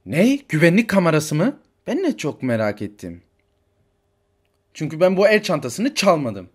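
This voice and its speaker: A man's voice: a little high, very animated, normal speed, breathy edge. A man voicing a distraught mother accused of theft in a toy figure story, pleading and insisting she is innocent.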